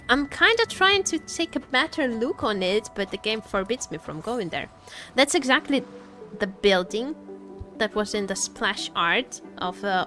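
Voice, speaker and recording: With a sharp tone to her mid-range voice, a female streamer jokes and exclaims her way through a gameplay session, chatting casually with viewers while background music plays.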